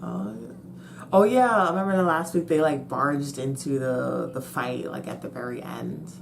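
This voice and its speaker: A woman's voice: rumbling low, normal speed, creaky, slight background noise. A woman giving spontaneous, casual reaction commentary as she watches, with a slight lisp from a retainer. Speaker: host of an anime reaction channel.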